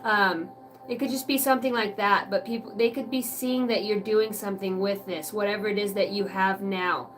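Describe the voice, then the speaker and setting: A woman's voice: mid-range voice, steady tone, moderate pace, a bit bright, soft background music. Casual woman giving a rambling tarot reading. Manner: casual, rambling, many fillers and mild swearing. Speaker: tarot reader. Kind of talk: live tarot reading for viewers.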